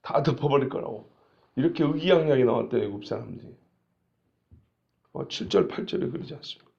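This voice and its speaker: A man's voice: mid-range voice, expressive, fast, vocal fry, a little mellow, muffled recording. A male pastor giving an expository Bible sermon in a conversational way, often asking rhetorical questions.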